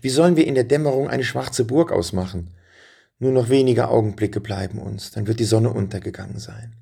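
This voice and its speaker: A man voicing a brave, hopeful young boy riding a dragon in a storybook, with a gravelly voice and eager calls. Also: medium pitch, brisk, warm tone. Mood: worried.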